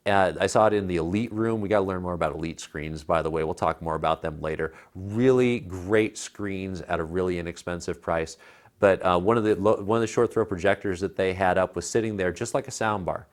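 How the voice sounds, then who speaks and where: An American man in his thirties, with a low-sitting voice and a slightly fast pace, co-hosts a tech show from a living room, casually explaining home theater gear. He's recorded on a lapel mic.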